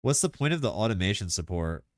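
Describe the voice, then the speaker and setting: A man streaming live, chatting casually and excitably about game mechanics, rambling with lots of filler words. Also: on the low side, quick pace, no room sound, studio quality.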